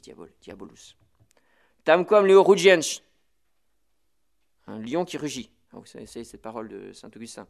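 A man, a priest, giving spiritual instruction on the prayer office. He talks in a lively, chatty way and reads Latin phrases slowly before explaining them. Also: a little high, creaky. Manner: lively, chatty teaching peppered with "voilà" and "vous voyez".

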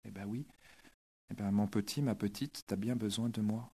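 Guy voicing god all soft and fatherly, gentle. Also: on the low side, steady tone, normal speed, husky. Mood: tender. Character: tender fatherly God speaking softly.

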